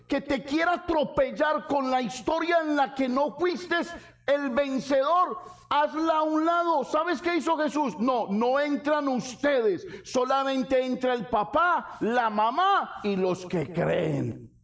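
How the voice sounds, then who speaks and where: A man preaching a sermon as pastor, asking the congregation questions and swinging from soft low lines to shouted ones. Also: expressive, takes it slowly.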